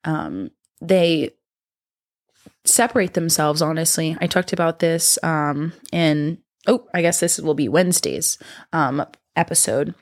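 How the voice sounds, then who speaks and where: A woman with a slightly low voice talks as if hosting her own podcast. She rambles informally, interrupts herself, and uses slang with playful affection. The sound is very dry, with no room around it. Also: unhurried, dry recording. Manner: affectionate, playful, addresses listeners as babe and baby. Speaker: podcast host. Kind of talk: casual, rambling solo podcast talk.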